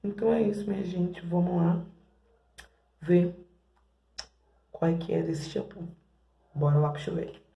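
Woman, Brazilian accent, casual vlogger, very dark warm tone, echoey bathroom sound. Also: on the low side, unhurried, creaky, pauses often, dull audio. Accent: Brazilian Portuguese. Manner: chatty, keeps addressing viewers as "gente". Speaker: hair care vlogger. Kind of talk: casual product-testing vlog. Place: home bathroom.

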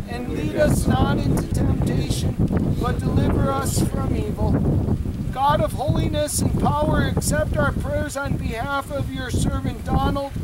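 A middle-aged man leads a solemn graveside service as priest, reading prayers aloud in a measured, formal liturgical way. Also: very high-pitched. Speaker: priest leading a graveside committal. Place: outdoors in a snowy open cemetery. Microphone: far camera microphone. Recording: distant camera mic, loud wind noise. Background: loud wind noise.

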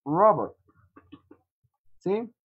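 A teacher leads an online class at an unhurried pace, pausing to check in with a questioning "¿sí?". The voice comes through a computer mic on muffled, lo-fi audio. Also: medium pitch, very animated, slightly rough. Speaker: English teacher.

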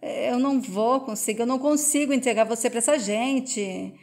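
A woman's voice: on the high side, moderate pace, a little mellow, natural voice. A woman voicing a distraught father who pleads and repeats himself, reading his lines in a retold soap scene. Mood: pleading. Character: distraught father refusing to give daughter away.

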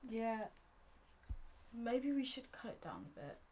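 A young woman playing a timid, ashamed seventeen-year-old girl who speaks quietly and falters. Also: a little high, wildly swooping pitch, slow pace, slight background noise, exaggerated voice.

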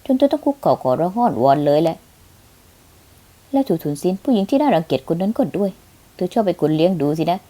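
A woman voicing a scheming, vengeful young man who speaks low, quiet and resentful. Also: sing-song, fast talker, long pauses. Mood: bitter.

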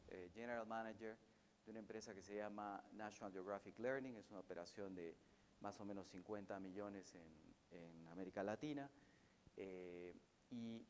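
A lowish voice belongs to this middle-aged Peruvian conference speaker, whose Peruvian Spanish accent carries Mexican touches. His academic talk is conversational, full of fillers and casual anecdotes. A long reverb tail and slight background noise surround him.

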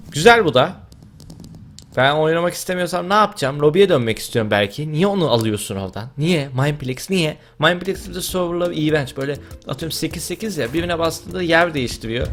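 A man with a Turkish accent giving casual gameplay commentary, joking and boasting, breaking into loud yells at his teammates. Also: fairly high pitch. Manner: excitable, yells and shouts at teammates in bursts. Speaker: gaming YouTuber.

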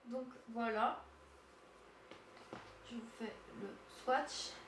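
A woman talks through makeup swatches in a high voice, hesitating with fillers and gushing over every shade. She sounds set back from the mic in an echoey room. A faint hiss runs under her voice. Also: steady tone, drawn-out words, distant mic. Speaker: beauty vlogger. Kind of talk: casual makeup swatch demo.

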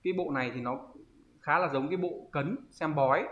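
A man teaching an online kanji lesson, often pausing and thinking aloud as he searches for the word. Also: fairly high pitch, fairly bright tone. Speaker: Japanese teacher. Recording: roomy, slightly dull audio.

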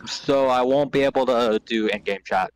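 A man's voice: mid-range voice, normal speed, slight background noise. Laid-back man rambling with ums. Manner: relaxed, rambling with many ums. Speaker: gamer friend. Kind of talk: casual chat. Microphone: no headset mic, picked up by others.

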